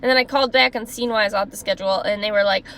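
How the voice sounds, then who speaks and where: A woman's voice: mid-range voice, steady tone, very fast, fairly bright tone, slight background noise. A young woman vlogger telling a story-time vlog, passionate and indignant, full of "like" fillers, acting out what others said. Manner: acts out her boss and others in quoted voices.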